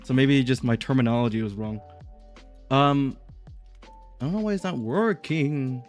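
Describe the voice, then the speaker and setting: A man's voice: medium pitch, moderate pace, faint music behind. Chatty male livestream host. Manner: rambling, chatty, reads chat aloud. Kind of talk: casual stream chat.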